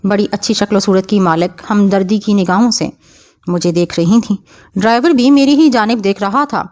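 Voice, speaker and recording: A woman narrating a novel as an audiobook, with a steady storytelling delivery. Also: mid-range voice, dry recording.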